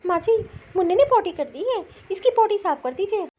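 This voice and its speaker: A woman's voice: extremely high pitch, expressive, fairly quick, mellow. A woman voicing a weak young new mother in a cartoon story, complaining plaintively and sounding sore and tired. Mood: self-pitying. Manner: plaintive, self-pitying complaining. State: weak and sore after childbirth. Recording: slightly dull lo-fi recording.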